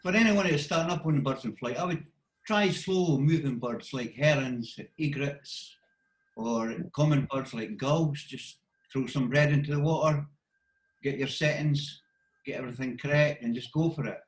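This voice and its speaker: A man's voice: medium pitch, moderate pace. Scottish male guest, plain-spoken practical advice, echoey video-call sound. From Scotland. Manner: practical, step-by-step advice with short instructions. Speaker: wildlife photographer guest. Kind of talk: casual explanatory interview talk.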